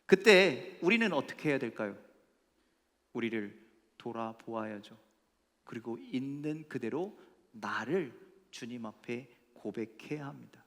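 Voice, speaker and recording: A man's voice: medium pitch, animated, unhurried, a bit bright. A male pastor preaching a sermon with emphatic rhetorical questions to his congregation. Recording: echoey church hall.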